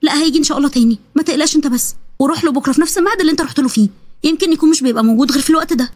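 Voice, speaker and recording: Lively young Egyptian woman, teasing and caring, high bright voice, read by a woman narrator, rapid, dry close mic. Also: dry recording, close to an everyday voice. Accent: Egyptian Arabic. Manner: teasing, excited.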